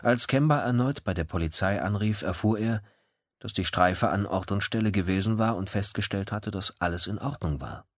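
A man reading a crime story aloud in measured, even audiobook narration. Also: fairly low pitch, no room sound, clean studio sound.

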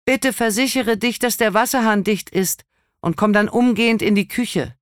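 A stern, worried mother speaking to her daughter in a firm, insistent tone, as a man reads her out. The voice sits somewhat high and the recording is dry and close. It is a storybook reading. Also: moderate pace, smooth, no echo, lightly acted. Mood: cold.

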